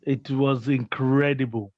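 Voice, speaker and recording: A man's voice: mid-range voice, fairly even intonation, a little slow, dry recording. A man co-hosting a casual chat, mostly giving short agreeing replies. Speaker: podcast co-host. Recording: dull lo-fi sound.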